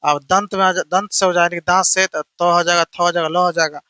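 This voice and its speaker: A man's voice: high voice, steady tone, fairly quick, bright, forceful tone, clean tone, dry recording, muffled recording. A man teaching a grammar lesson for exam prep. He repeats key points, keeps checking whether students follow, and asks and then answers his own questions. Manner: repetitive, keeps checking "theek hai na".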